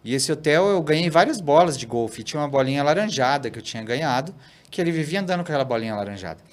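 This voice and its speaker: A man, a pastor guesting on a podcast, telling a story in an animated way and often tagging "né?" and "cara". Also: a little high, rapid-fire. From Brazil. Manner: animated, tags sentences with "né?" and "cara". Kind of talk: casual storytelling in a podcast interview.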